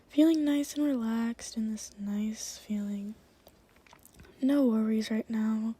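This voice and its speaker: A woman leading a hypnosis induction with a slow, soothing countdown manner, in a hushed, breathy voice that drifts toward a whisper. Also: on the high side. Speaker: hypnotist performing for a live online audience.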